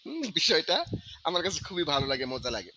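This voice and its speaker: A man speaks earnestly about a video clip in a rising, emphatic preaching tone. His voice is strikingly bright and edgy and sits a little high. A faint background noise stays under him. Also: big pitch swings, fairly quick. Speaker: religious commentator. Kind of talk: commentary on a video.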